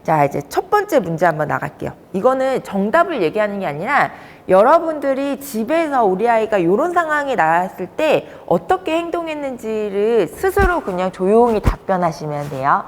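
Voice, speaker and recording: A woman's voice: mid-range voice, normal speed, few pauses, in a large hall. A woman who works as a child development counselor, giving a talk to fathers in a storytelling way. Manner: warm storytelling with lively emphasis. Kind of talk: lecture to fathers.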